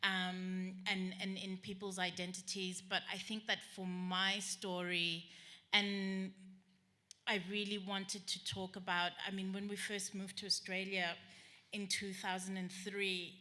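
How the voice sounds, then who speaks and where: A woman's voice: mid-range voice, level tone, unhurried, bright, forceful tone. A young woman from South Africa, a writer on a panel, talking thoughtfully and repeating words as she thinks. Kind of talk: casual reflective chat.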